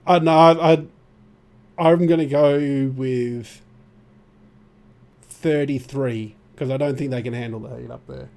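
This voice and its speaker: A man's voice: mid-range voice, steady tone, a little slow, creaky, pauses often, a little mellow. A man chatting on a podcast, hesitant and playful. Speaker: podcast co-host. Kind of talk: casual chat.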